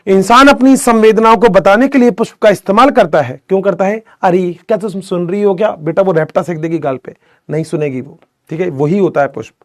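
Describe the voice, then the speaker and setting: Chatty young male biology teacher, high voice. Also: no room sound, clean studio sound. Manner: chatty, addresses students as beta, jokes often. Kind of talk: casual classroom lecture with storytelling.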